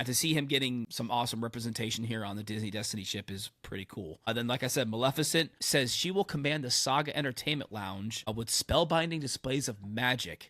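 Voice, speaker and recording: A man's voice: medium pitch, fairly bright tone, dry recording, clean studio sound. A man hosting a podcast in a casual, chatty way while getting over a head cold. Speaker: podcast host.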